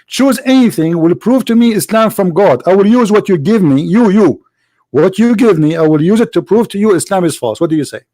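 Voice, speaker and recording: A man with a fairly high voice hosts a live call-in debate show and argues insistently with his caller. He repeats phrases to drive his points home. The sound is close and dry, with no room echo. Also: expressive, fairly quick, mellow.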